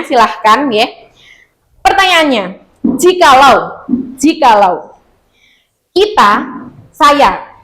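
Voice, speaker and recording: High-voiced woman counselor coaching a class. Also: low-quality recording. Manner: coaxing, repeats questions, leads class cheers. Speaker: school counselor teaching a class. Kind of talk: classroom teaching, call and response.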